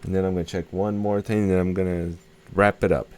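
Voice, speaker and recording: Quick and flat in delivery, his low, darkish voice narrates a hands-on radio repair for a hobbyist video. He talks casually and tentatively, thinking aloud and frequently repeating himself. The clip has clear background noise.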